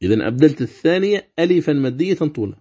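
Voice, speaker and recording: A male teacher giving a religious lesson on recitation, explaining each rule step by step between slow, drawn-out recited examples. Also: a little high, sing-song, mellow, husky, muffled recording.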